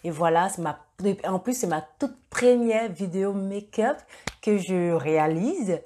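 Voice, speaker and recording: A young woman talking through a makeup tutorial in a casual, halting way, with many fillers and restarts. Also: medium pitch, lively intonation, warm tone, a little hiss or hum. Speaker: beauty vlogger.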